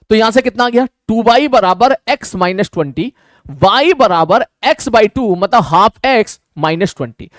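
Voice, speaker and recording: A man with a fairly high voice teaches maths in a Hindi lecture. He talks casually, asking his students questions and answering them himself. The recording is close and dry, with no room sound. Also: dry recording.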